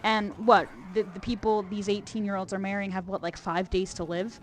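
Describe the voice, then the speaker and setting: A woman streaming a video game, chatting casually in a rambling way, full of fillers and animated asides. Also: medium pitch, fairly quick. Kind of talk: casual gameplay chat.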